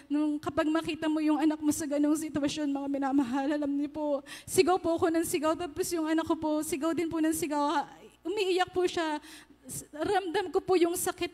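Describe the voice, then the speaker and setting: A woman speaks earnestly before her congregation, sharing a church testimony in a high voice. Her pitch stays fairly level as she addresses the listeners again and again. Her words ring out with a long reverb, as in a large church hall. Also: a little mellow. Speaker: church member giving testimony.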